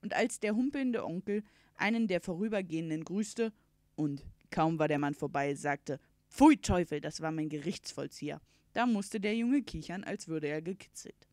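A woman reading a children's storybook aloud in clear, even narration. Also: fairly low pitch, moderate pace, dry recording. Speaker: audiobook reader.

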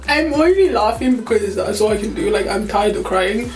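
With a fairly high pitch, a 24-year-old woman vlogger talks candidly to her tripod-mounted camera in a small indoor room, laughing often and using many fillers. The recording is low quality and sounds roomy.

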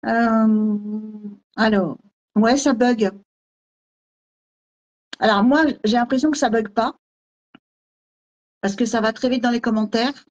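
A woman's voice: on the high side, fairly even intonation, takes it slowly, long pauses, muffled recording. A woman hosting a live stream as a medium, greeting viewers and reading comments aloud in a scattered way. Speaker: host medium.

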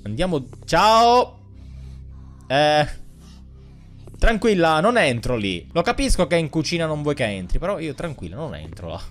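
A man's voice: a little high, sing-song, fast, few pauses, soft background music. A man with an Italian accent giving sarcastic, chatty commentary while playing a horror game, talking back to the ghost. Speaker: gaming YouTuber.

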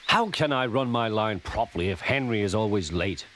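A man's voice: on the low side, lively intonation, normal speed, slight background noise. A man voicing a cheerful, impatient little male tank engine in a storybook tale. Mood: cross. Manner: impatient, chirpy. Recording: loud music behind.

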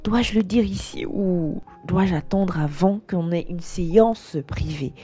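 A woman voicing a male church pastor who gravely admonishes a couple, in an animated story. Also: high-pitched, slow pace, soft background music. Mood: solemn. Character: stern but merciful male church pastor.

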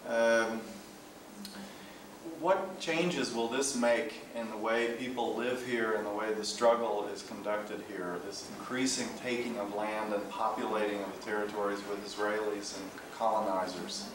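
A man's voice: fairly low pitch, fairly even intonation, measured pace. Male interviewer, heard from off-mic in an echoey room, hesitant careful questions, old tape with light hiss. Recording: distant roomy voice on old tape.

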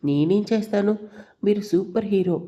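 A woman's voice: medium pitch, moderate pace, warm tone, lightly acted. A woman voicing a bold, fearless young actress who talks bluntly and teasingly, in a storybook reading. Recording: dull lo-fi recording.

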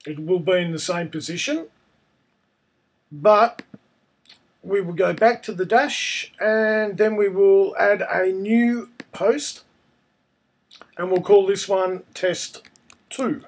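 A man presents a casual software tutorial in a noticeably high voice. It sounds husky and croaky, hoarse with a cold, as he talks through each step. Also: takes it slowly, pauses often. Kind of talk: casual screencast tutorial narration.

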